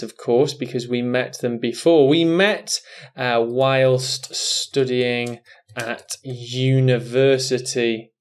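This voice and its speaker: A man's voice: mid-range voice, clean tone. A man teaching an exam speaking lesson, thinking aloud as he writes out model answers. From England. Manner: slow, deliberate, thinking aloud while writing. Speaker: English test teacher. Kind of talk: recorded online lesson.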